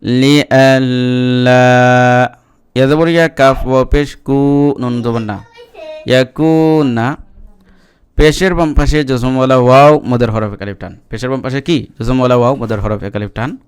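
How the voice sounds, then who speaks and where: A man teaching Quran reading, chanting verses slowly and then explaining the rules in quick Bengali. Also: mid-range voice, smooth. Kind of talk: spelling-out lesson with recitation.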